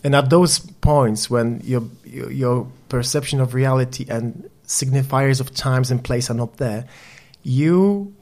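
Man, gravelly voice, reflective, wry, self-deprecating interview guest. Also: medium pitch, unhurried, few pauses, a little mellow. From Poland. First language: Polish. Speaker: photographer guest.

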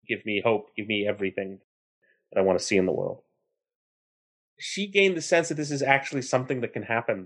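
A man telling a story in an interview, animated and acting out the people in it. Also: mid-range voice. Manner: animated, acts out characters in the story.

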